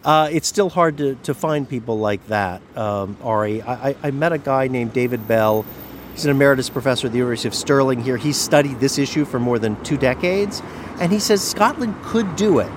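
A male news correspondent talks through a story in a conversational way, restarting phrases now and then as he explains. His voice sits at an ordinary pitch. A faint hiss stays under the recording. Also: lively intonation, fairly quick. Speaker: radio correspondent.

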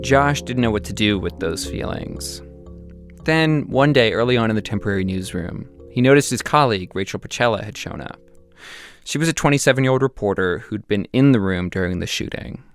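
Male narrator, lowish voice, steady scripted documentary read, soft music underneath. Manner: measured, even storytelling.

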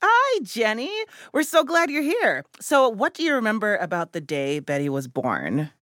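A woman hosting a children's podcast, chatting and asking questions in a lively way. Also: medium pitch, normal speed, no echo, studio quality. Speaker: podcast host. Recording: music behind the voice.

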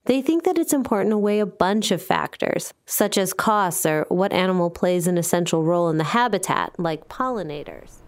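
A woman's voice: lowish voice, expressive, moderate pace, few pauses. A woman giving scripted, conversational podcast narration.

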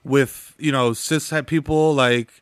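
In a casual interview, a guest from the Bronx talks in a smooth, medium-pitched voice with fairly even intonation and an unhurried pace. He's in his thirties or forties, has a New York accent, grew up speaking Spanish first, and laughs a lot amid plenty of slang and fillers. The recording is studio quality with no room sound.

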